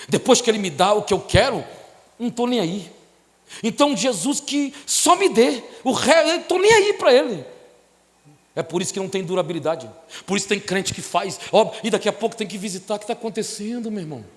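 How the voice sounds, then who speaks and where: High-voiced preacher in a reverberant church. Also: male voice. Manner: impassioned, storytelling preacher. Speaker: pastor. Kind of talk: sermon. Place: church sanctuary. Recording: long reverb of a church hall.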